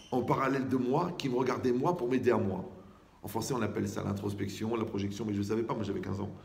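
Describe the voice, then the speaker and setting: A man, a rabbi, giving a lively Torah class to a live group, asking rhetorical questions and checking that listeners follow. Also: medium pitch, vocal fry, roomy sound.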